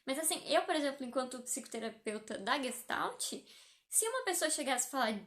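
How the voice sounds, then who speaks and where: A young woman from Brazil, a psychologist, speaks in a high-pitched, animated voice that is a little fast and fairly bright. Chatting on a live stream with a Brazilian Portuguese accent, she explains things casually with lots of fillers.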